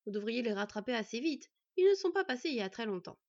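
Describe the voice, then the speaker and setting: A woman reading an audiobook, voicing a gruff, gossipy middle-aged male villager who speaks in a confiding tone. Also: fairly high pitch, sing-song, fast, darkish tone, muffled recording.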